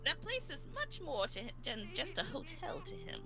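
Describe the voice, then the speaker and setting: A knowing old granny with a high, swooping voice, full of teasing riddles, as a woman puts her on. Her pitch leaps up and down in a sing-song way. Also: huge pitch swings, normal speed, music in the background. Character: wry, cryptic old woman on a mountain. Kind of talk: live reading of game dialogue.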